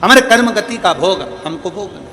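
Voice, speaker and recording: A man's voice: high-pitched, lively intonation, normal speed, pushed and bright, big-room sound, a little hiss or hum. A man giving a devotional sermon as a religious storyteller, preaching in rhythmic repeated phrases. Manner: sings bhajan lines, then preaches in rhythmic repetitions.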